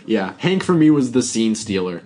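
A man's voice: medium pitch, big pitch swings, moderate pace, a little mellow. A man co-hosting a podcast, rambling through a casual chat and laughing often. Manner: giggly, rambling. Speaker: podcast host.

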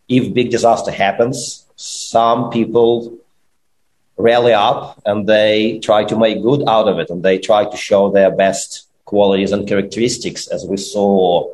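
A man from Ukraine with a Ukrainian accent, a guest speaking in a measured, earnest way. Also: on the low side, a little mellow, a little hiss or hum, rough recording.

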